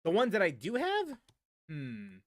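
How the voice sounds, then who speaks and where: A gaming streamer with a high voice and huge pitch swings talks a little slowly, answering viewers in a casual livestream chat about games. He rambles and often repeats phrases for emphasis. The recording is dry and studio quality.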